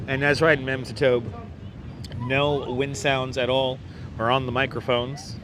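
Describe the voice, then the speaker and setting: Slowly and with little pitch movement, a hoarse livestream host on a beach boardwalk reels off viewer names with repeated welcomes. His voice is crackly and squeaky, and faint traffic and city ambience can be heard through his wireless clip-on mic on the outdoor phone livestream.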